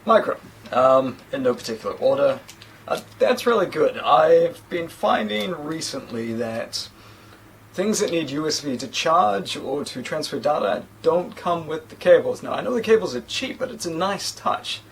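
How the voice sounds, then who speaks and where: Unboxing a gadget in a small room before a plain sheet backdrop, a Kiwi tech reviewer in his thirties chats and rambles with self-deprecating remarks. His voice is a little high and creaky, with lively intonation at a moderate pace, picked up by a camera mic a few feet away with a little hiss or hum.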